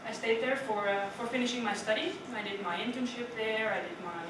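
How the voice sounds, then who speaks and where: Fairly high and brisk, a young Dutch woman's voice carries a prepared speech to her club, conversational and peppered with audience questions and frequent "right?"s. The audio is from a distance in an echoing meeting room, with noise.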